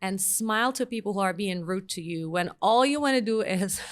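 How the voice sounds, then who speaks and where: A woman from Lebanon, a minister telling her story as a guest in a casual interview, lively and self-mocking. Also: mid-range voice, fairly quick.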